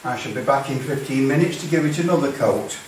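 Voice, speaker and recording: In an indoor workshop with hard surfaces, a man demonstrates restoration as a hobbyist, talking through the steps in a mid-range voice. He speaks without a script, pausing and hesitating often. The camera mic sits far away, leaving the recording distant, noisy and heavily echoey.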